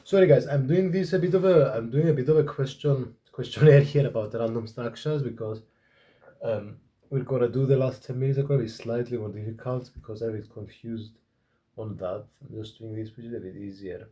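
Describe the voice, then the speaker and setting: A man hosting a casual study session in an easygoing, hesitant way. He often restarts his sentences and teases his partner. His voice has a mellow, warm tone at a mid pitch. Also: brisk. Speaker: student and podcast host.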